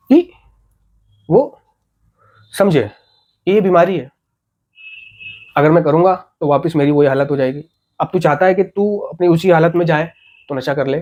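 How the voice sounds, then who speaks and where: An addiction recovery speaker gives an earnest, motivational talk about staying off drugs, repeating key points and posing rhetorical questions. His voice is a little high with a darkish tone, and the sound is lo-fi.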